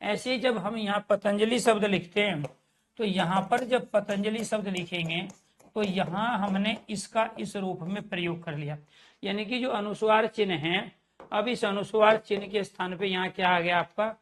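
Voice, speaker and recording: A man's voice: high voice, moderate pace, fairly bright tone. A man teaching a Hindi grammar lesson in an online class. He keeps asking his students questions and answering them himself, and calls his viewers dear friends.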